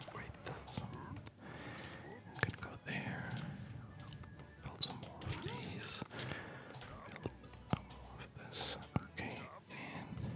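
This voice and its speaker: In a whisper, a gaming video host gives ASMR gameplay commentary, thinking aloud hesitantly.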